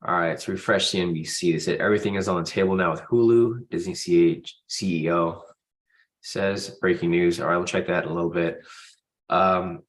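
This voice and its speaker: A man with a low, steady voice and a stuffy nose from a cold hosts a live trading room. He speaks briskly and informally, addressing viewers directly.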